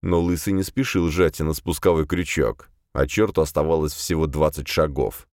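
A man narrating a first-person fantasy audiobook in a steady, measured way. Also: extremely low pitch, no echo, clean studio sound.

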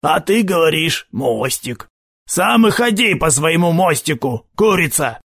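A man's voice: on the high side, sing-song, measured pace, fairly bright tone, husky, no room sound, clean studio sound, voice pushed up, full character voice. A man voicing a sly adult gang leader who mocks and wheedles in a syrupy tone for an audiobook. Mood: mocking. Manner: mocking, wheedling. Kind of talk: audiobook character voice.

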